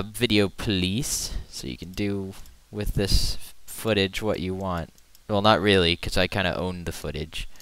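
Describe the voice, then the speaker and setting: Man, casual drawing commentary, self-deprecating and chatty, bright crisp voice, dry close sound. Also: low voice, no echo. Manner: rambling and self-deprecating, hums to himself while working. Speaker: artist narrating his drawing.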